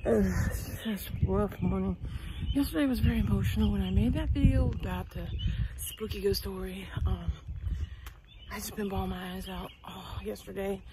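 A woman's voice: medium pitch, steady tone, moderate pace, very noisy. A middle-aged woman vlogging while walking outdoors before dawn, tired and chatty, trailing off with ums, recorded on earbuds with a phone held out. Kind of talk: casual chat while walking. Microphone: wireless earbuds, phone at arm's length.

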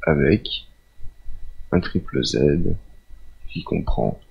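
Very low, gravelly male gamer voice. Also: lively intonation, highs cut off. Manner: thinks aloud, reads out mission names, halting with filler sounds. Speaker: gamer playing a space simulation. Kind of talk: casual let's-play commentary.

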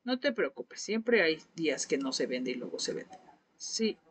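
A woman's voice: low-pitched, big pitch swings, measured pace, breathy edge. A woman with a Mexican accent teaching a live painting class, chatting and gossiping with her viewers as she works. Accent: Mexican Spanish. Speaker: craft teacher.

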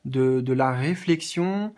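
A man giving a spiritual card reading to his viewers, speaking gently and hesitantly with many fillers and repeated words. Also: medium pitch, slow pace. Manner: gentle, addresses viewers as friends. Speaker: tarot card reader.

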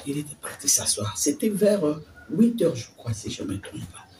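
An older woman telling a personal faith story in an animated way, dropping to whispers and laughing as she talks. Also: low-pitched, normal speed, recorded from a distance, over music. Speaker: testimony speaker.

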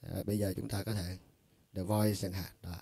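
A man with a low, gravelly voice walks through a keyboard's vocal effects in a loose, conversational way. His tone is dark and mellow. The sound is dry and close, with little room around it. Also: little pitch movement, moderate pace, no echo. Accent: Vietnamese. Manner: loose and conversational, with frequent filler words. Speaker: music store product demonstrator. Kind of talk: casual instructional demo.

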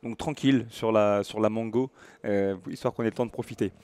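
A man's voice: on the low side, steady tone, fairly quick, darkish tone, clear, resonant tone, dry recording. A man with a French accent co-hosting a casual fitness podcast, joking and rambling as he talks. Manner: joking, rambling, self-mocking. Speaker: podcast co-host.

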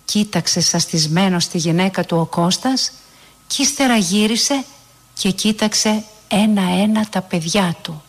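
Calm woman reading a story. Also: mid-range voice, slightly rough, big-room sound. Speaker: narrator.

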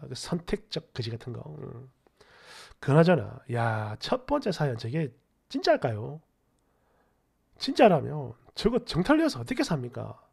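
Lively man reading posts aloud. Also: a little high, gravelly, breathy edge. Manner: animated, mocking commentary. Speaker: story channel host.

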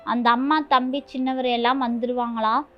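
A woman's voice: on the high side, steady tone, moderate pace, lightly acted. A woman voicing a kind-hearted housemaid who laments with sympathy in a storybook reading. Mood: sorrowful. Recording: dull lo-fi with faint music.

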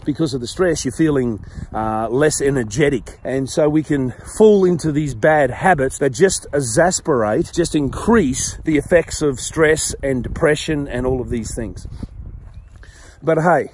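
A man's voice: mid-range voice, unhurried, darkish tone, slight background noise. A man, a pastor, giving an earnest, encouraging talk outdoors while walking down a mountain, slightly out of breath. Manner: earnest, encouraging, conversational preaching. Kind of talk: casual devotional vlog talk.

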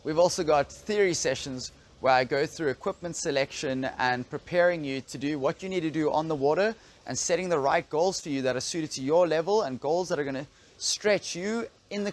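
A man in his thirties, an enthusiastic kitesurf coach, talking to camera outdoors by a pool on a lapel mic. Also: fairly high pitch. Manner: upbeat, enthusiastic, laughing. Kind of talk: promotional vlog talk to camera.

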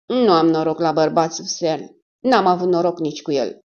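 Bored insolent young woman, read by a narrator, flat tone, low voice, lo-fi. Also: natural voice. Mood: weary. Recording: dull lo-fi audio.

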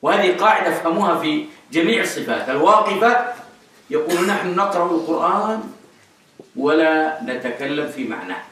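A man's voice: a little high, lively intonation, fairly quick, fairly bright tone, far from the mic. A man giving a religious lecture on creed, emphatic and repeating key phrases for stress. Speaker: Islamic scholar lecturing on creed. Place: mosque hall. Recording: echoey hall, voice picked up from afar.

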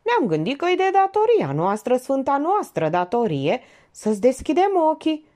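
A woman's voice: on the high side, big pitch swings, dark tone, voice pushed up. A woman voicing a pompous, sanctimonious middle-aged male notary in an audiobook, speaking in a theatrical, preachy way. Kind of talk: audiobook character voice.

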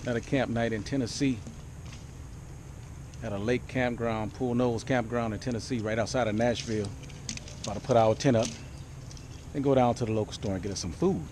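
A man's voice: mid-range voice, fairly even intonation, a little fast, pauses often. A middle-aged man chatting casually and upbeat for a travel vlog, filmed on a handheld camera at arm's length at a campground and in a shop. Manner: easygoing, upbeat, plain-spoken. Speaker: vlogger on a motorcycle road trip. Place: campground outdoors and a motorcycle shop. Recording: clear outdoor background noise.

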